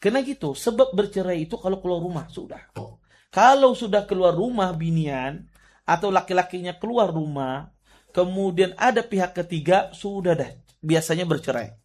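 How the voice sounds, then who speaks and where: A man with a Banjar accent giving a sermon and answering audience questions as preacher, often repeating and restarting words and swinging from quiet to loud emphasis. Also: sits high, moderate pace.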